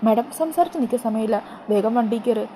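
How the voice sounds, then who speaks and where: A woman's voice: fairly high pitch, quick pace, warm tone, slight background noise, lightly acted, poor audio. A woman doing a polite young male servant. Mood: coaxing. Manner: respectful, coaxing.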